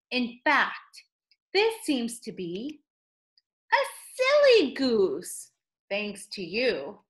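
With a high voice, a woman reads a picture book aloud in theatrical storytelling fashion, speaking to a child listener and giving her words dramatic emphasis.

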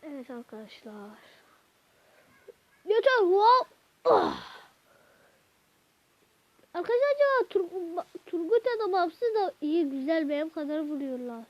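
A woman hosting a gaming channel, chatting to her viewers while she plays, with sudden excited outbursts at the game. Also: high-pitched, measured pace, long pauses, no room sound. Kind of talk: let's-play gameplay commentary. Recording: dull lo-fi recording.

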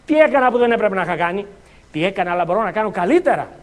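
A man's voice: sits high, expressive. A man with a Greek accent giving a motivational seminar talk as a coach, joking and acting out little scenes. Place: conference hall.

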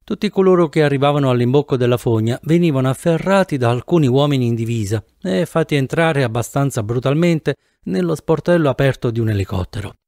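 A man reading a novel aloud in the first person with an animated, theatrical delivery, close to the mic. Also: mid-range voice, fast, hardly any pauses, no room sound. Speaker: audiobook narrator. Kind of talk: expressive audiobook narration.

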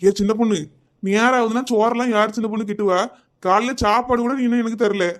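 A man's voice: high voice, steady tone, fast talker, lightly acted. A man voicing a scolding, complaining middle-aged village husband in a cartoon comedy, with a Kanyakumari Tamil accent.

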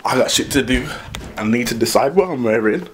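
A man's voice: medium pitch, lively intonation, fairly quick. A young man casually vlogging to a handheld camera, talking loosely and swearing. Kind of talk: casual vlog chat. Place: flat indoors, then outdoors at night. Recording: noisy handheld camera audio.

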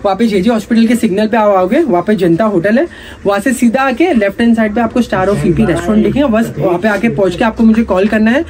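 A man, giving a rapid, repetitive sales pitch while showing gear in a cluttered indoor shop, filmed close up. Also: a crowd in the background. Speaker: gym equipment seller.

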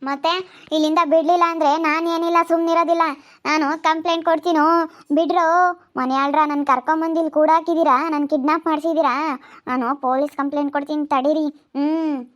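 Defiant kidnapped wife, high-pitched and screaming curses, played by a woman with a Chitradurga Kannada accent. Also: steady tone, a little fast, a bit bright. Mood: defiant cursing. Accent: Kannada, Chitradurga region. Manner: screaming, cursing, pleading for help. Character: defiant kidnapped young wife, cursing captors. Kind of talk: amateur village drama.

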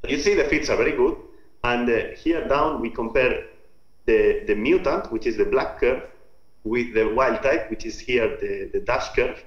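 Guy with basque spanish accent doing a science talk, halting explainer, mid pitch, roomy muffled call audio. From Basque Country, Spain. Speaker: researcher presenting own work. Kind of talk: informal scientific lecture with slides. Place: remote talk over video call.

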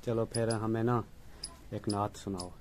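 A man's voice: fairly low pitch, steady tone, a little slow, background noise. A man vlogging at home, patiently quizzing a child on letters and numbers and calling out to the children at play. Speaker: family vlogger. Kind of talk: casual home vlog.

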